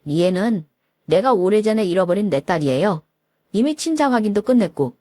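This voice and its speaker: A woman voicing an older man who heads a law firm and speaks calmly and firmly as a protective father. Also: mid-range voice, moderate pace, dry recording, clean studio sound, close to an everyday voice.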